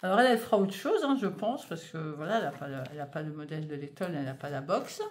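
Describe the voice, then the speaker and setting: A woman's voice: low voice, animated, rapid-fire. A woman chatting casually in a knitting vlog, hesitant with many fillers, filming in her home conservatory. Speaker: knitting vlogger. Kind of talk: casual vlog chat, unboxing yarn.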